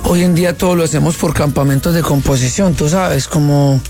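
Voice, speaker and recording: A man, talking as a radio guest, with a somewhat high, gravelly voice. He speaks relaxed and rambling, often restarting words, over faint music. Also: a little fast. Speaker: guest singer-songwriter. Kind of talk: casual radio interview.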